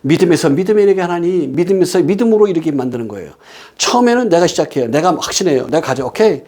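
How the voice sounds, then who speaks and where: A man preaching a sermon, who talks emphatically, asks rhetorical questions and moves between loud stresses and quiet storytelling. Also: on the high side, animated, fast talker.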